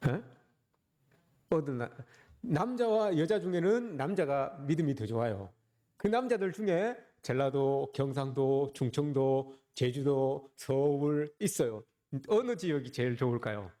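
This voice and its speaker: A man's voice: medium pitch, very animated, measured pace, warm tone. A man preaching a sermon as pastor, joking and asking the congregation rhetorical questions.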